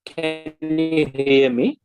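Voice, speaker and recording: A man presenting over a video call whose audio breaks up and stutters, so his words come out halting and repeated. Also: fairly high pitch, level tone, over music. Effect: choppy video call audio that breaks up and stutters. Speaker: invited expert presenter.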